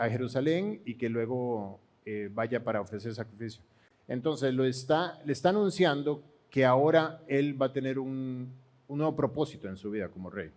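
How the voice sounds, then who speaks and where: A man with a Panamanian accent answering Bible questions in a steady, explanatory way, with occasional restarts. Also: mid-range voice. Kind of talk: church Bible Q&A teaching.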